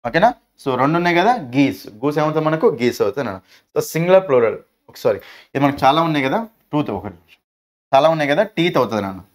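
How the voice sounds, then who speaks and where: Fast, high-voiced Telugu teacher. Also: male voice, animated. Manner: asks questions and answers them himself, calls students "nanna". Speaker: English teacher. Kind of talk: classroom grammar lesson.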